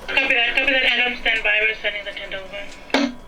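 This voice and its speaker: A marina radio operator answering a boat over a marine VHF radio, speaking in brisk, clipped radio procedure and repeating the call. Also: medium pitch, steady tone, low-quality recording. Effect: heard over a marine VHF radio.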